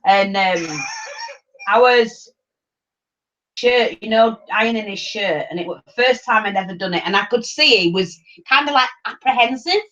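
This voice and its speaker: A middle-aged woman with an English accent chatting casually and telling anecdotes in a blunt, animated way on a livestream. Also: medium pitch, moderate pace. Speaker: livestream host. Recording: dull lo-fi livestream audio.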